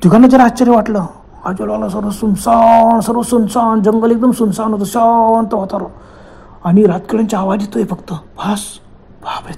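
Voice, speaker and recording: A man's voice: high voice, steady tone, moderate pace, creaky, warm tone, husky. A man telling a horror story in a casual, conversational way, repeating phrases and acting out the characters' exclamations.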